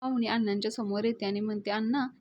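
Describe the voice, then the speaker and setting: A woman's voice: mid-range voice, fairly even intonation, a little fast, muffled recording, a little hiss or hum. A woman hosting a serial recap, retelling an episode in a conversational storytelling way.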